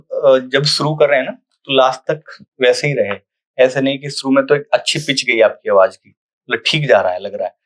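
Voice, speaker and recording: A man on a mock interview panel, giving mild feedback to a candidate with hesitant fillers. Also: medium pitch.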